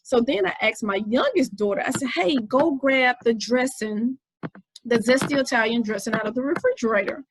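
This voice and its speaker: A woman's voice: fairly high pitch, moderate pace, noisy background. A woman in her forties hosting her own podcast, telling a story in a casual, conversational way with many fillers. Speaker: podcast host. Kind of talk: casual inspirational talk.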